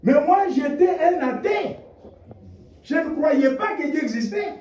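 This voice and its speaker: Preaching with fire, a man from DR Congo gives an unhurried sermon, his high, very animated voice warm and mellow as he alternates hushed lines with shouted rhetorical questions. He's recorded from a distance in an echoey church hall, and the sound is dull and lo-fi.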